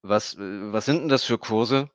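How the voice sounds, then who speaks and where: A man's voice: on the low side, unhurried, smooth, no room sound, muffled recording, voice pushed up, close to an everyday voice. A man voicing an awkward, polite young man who speaks hesitantly and keeps correcting others. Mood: wary.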